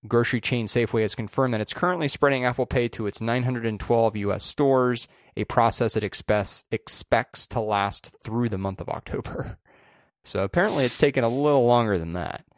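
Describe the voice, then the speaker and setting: A man's voice: mid-range voice, brisk, no room sound, clean studio sound. A man co-hosting a podcast, chatting casually about tech news and often restarting his phrases. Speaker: podcast co-host.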